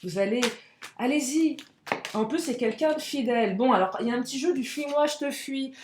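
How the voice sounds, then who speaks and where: A woman giving a casual, chatty tarot card reading to her viewers, expressive and frank, with frequent exclamations. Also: high-pitched, brisk, roomy sound, noisy background. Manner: frank and outspoken. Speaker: tarot and oracle card reader.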